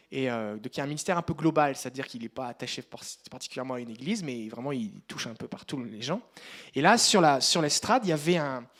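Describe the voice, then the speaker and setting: Man preaching with a personal story. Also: fairly high pitch. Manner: conversational, addresses the congregation directly; rises to loud emphatic passages. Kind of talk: sermon with personal testimony.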